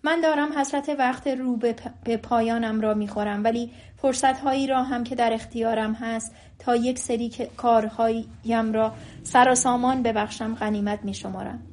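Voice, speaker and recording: A woman reading as a frail, gentle old man. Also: fairly high pitch, fairly even intonation, lightly acted.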